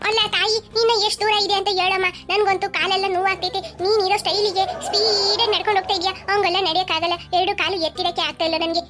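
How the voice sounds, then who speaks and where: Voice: very high voice, steady tone, quick pace, hardly any pauses. A performer voicing a fussy, tired middle-aged woman in a cartoon, complaining and bossy, with children's music behind. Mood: grumbling. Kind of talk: cartoon voice acting.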